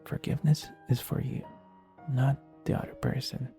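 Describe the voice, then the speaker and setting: Playing a gentle, caring best friend in an intimate comfort roleplay, a man speaks softly and breathily in a natural, mid-range voice, soothing, earnest and unhurried yet flat in delivery. The mood is calm and consoling, with soft instrumental music beneath him.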